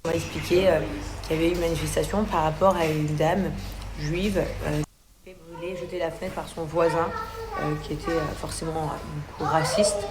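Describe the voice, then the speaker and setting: A woman's voice: deep voice, steady tone, brisk. Indignant woman, phone selfie video, lots of noise behind. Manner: rambling, frequent hesitations, indignant. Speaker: social media personality. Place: doctor's office. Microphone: phone camera. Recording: loud background noise.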